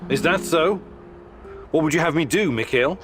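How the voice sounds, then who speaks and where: A man's voice: fairly high pitch, normal speed, lightly acted. An actor playing a guarded, level-headed male scientist in a video game, with music behind him. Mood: wary. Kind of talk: video game dialogue acting.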